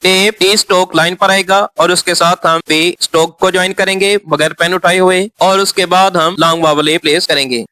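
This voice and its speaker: A man's voice: high-pitched, fairly even intonation, normal speed, few pauses, sharp tone, clean tone, no room sound. A man explaining shorthand pen strokes as he writes them out. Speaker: shorthand teacher. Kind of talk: demonstration lesson.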